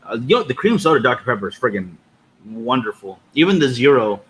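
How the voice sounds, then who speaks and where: Male podcast co-host, medium pitch, relaxed review chat, some noise behind the voice. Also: fairly quick, low-quality recording. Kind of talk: casual cigar review chat.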